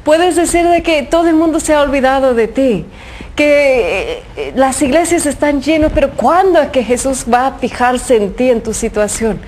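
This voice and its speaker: Reflecting on a Gospel passage, a religious speaker talks with earnest fervor and asks many rhetorical questions. Her high, expressive voice is a little mellow and moves at normal speed, with slight background noise.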